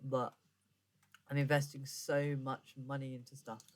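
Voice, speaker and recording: A man's voice: medium pitch, level tone, a little slow. A young man giving casual, rambling gameplay commentary, full of fillers and self-corrections. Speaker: gaming YouTuber.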